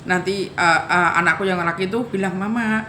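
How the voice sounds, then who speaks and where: A middle-aged Javanese woman from Java, Indonesia, chats with viewers about her life in a lowish, sharp, brisk voice with little pitch movement. The room is echoey with slight background noise, and she gets emotional while repeatedly calling out "guys" to her audience.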